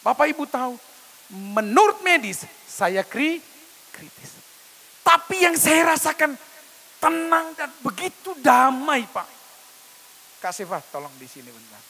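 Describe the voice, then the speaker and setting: Male pastor, unhurried emphatic sermon delivery, bright tone. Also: very high voice, big pitch swings. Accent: Indonesian. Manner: emphatic testimony, repeatedly addressing listeners as "Pak". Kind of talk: sermon with sung worship.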